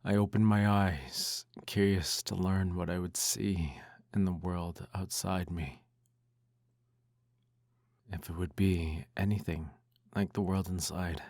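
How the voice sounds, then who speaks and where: A man in an ASMR role-play reads a bedtime story aloud in a soft, intimate, hushed voice that slips into speaks softly. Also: sits low, steady tone, takes it slowly, no echo, studio quality.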